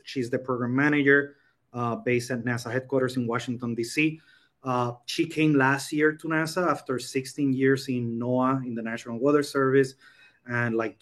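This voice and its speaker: Halting man presenting over a video call. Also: medium pitch. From Puerto Rico. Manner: hesitant, many ums and uhs. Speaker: program coordinator presenting. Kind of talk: online conference presentation.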